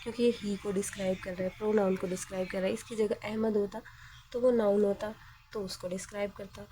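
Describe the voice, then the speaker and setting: A woman teacher with a soft, mellow tone walks students through a grammar lesson step by step. She keeps a patient pace, posing questions and then answering them herself. Her pitch sits right in the middle for a woman. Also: fairly even intonation, fast talker.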